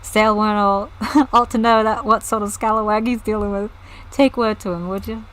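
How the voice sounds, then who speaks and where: Woman putting on a gruff old farmer guy from a game, blustery, fussing about pirates and rogues. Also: mid-range voice, fairly even intonation, takes it slowly, mellow, close to an everyday voice, rough recording. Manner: blustery, old-fashioned insults. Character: gruff older male farmer leader, blustery.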